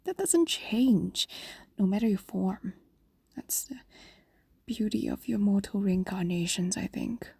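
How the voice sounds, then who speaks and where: A woman gives an exaggerated voice to a centuries-old female fox demon, lovestruck, tender and possessive, in an intimate fantasy audio roleplay much like ASMR. Her medium-pitched soft, breathy whisper is slow and coaxing, with lingering pauses, devoted and tender in mood. No room sound is present.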